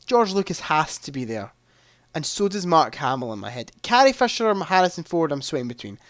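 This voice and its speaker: A man's voice: a little high, very animated, brisk, a bit bright, no echo. A man hosting a live movie quiz stream, chatting casually, thinking aloud and making self-deprecating asides.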